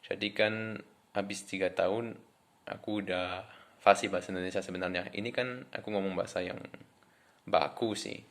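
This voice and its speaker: Low-voiced French man speaking Indonesian as foreigner. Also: steady tone, moderate pace, pauses often. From France. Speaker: vlogger introducing himself. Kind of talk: casual talk to camera.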